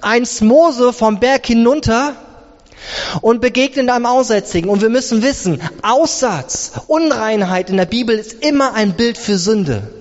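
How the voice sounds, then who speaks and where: Guy preaching a sermon, pretty high voice, goes up and down a lot, dull muffled sound. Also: lively intonation, unhurried. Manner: emphatic, rises and drops sharply in pitch. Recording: reverberant hall, dull sound.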